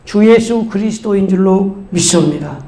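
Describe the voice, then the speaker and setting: A male pastor preaching a Sunday sermon with fervent, rising exhortation. His voice sits fairly high for a man. He urges his listeners on in emphatic bursts. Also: moderate pace, warm tone, poor audio.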